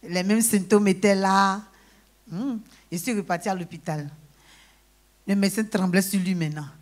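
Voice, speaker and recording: A woman giving a lively personal testimony in church, breaking into praise exclamations and acting out conversations. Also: mid-range voice, moderate pace. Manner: exclaims praise, acts out dialogue.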